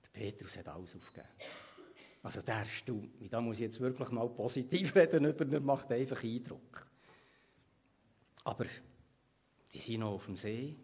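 A man with a Swiss accent preaching a sermon, swinging from loud to hushed and putting questions to the congregation. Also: medium pitch, normal speed, long pauses, husky.

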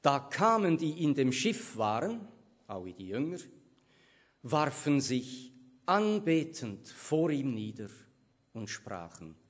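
A man with a Swiss accent preaching a sermon, swinging from loud to hushed and putting questions to the congregation. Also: mid-range voice, big pitch swings, slow.

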